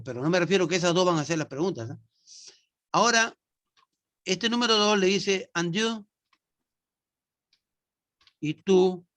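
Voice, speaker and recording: A man's voice: fairly high pitch, fairly bright tone. A man teaching English to nursing students in an online class, patient and repetitive, often checking that everyone follows. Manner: patient, repeats himself, checks understanding with tag questions.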